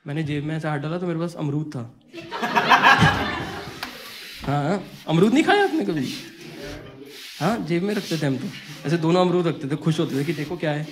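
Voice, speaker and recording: A young man tells a comic story on stage in a slightly high voice, leaping between his own telling and the voices of friends and teachers. There is clear noise under the recording. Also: lively intonation, moderate pace, pauses often. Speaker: stand-up comedian. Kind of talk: stand-up storytelling.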